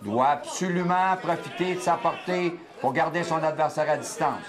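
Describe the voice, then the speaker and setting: A man's voice: on the high side, normal speed. A man with a Quebec French accent giving live boxing analysis, explaining tactics in short bursts. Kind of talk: live sports commentary. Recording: clear crowd noise behind. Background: boxing crowd.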